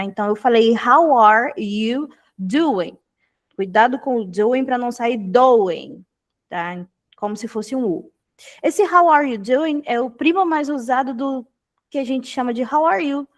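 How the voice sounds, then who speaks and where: A young adult woman from Brazil teaching an online English class over a video call, explaining patiently and checking in often with the students. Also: on the high side. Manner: explanatory, frequent "tá?" checks, repeats phrases slowly.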